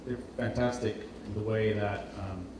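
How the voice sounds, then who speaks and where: An industrial designer from Portugal delivers an informal conference presentation in a lowish voice with fairly even intonation. He presents haltingly, repeating words as he searches for phrasing. The indoor event space echoes heavily, so the live hall recording sounds roomy, distant and noisy.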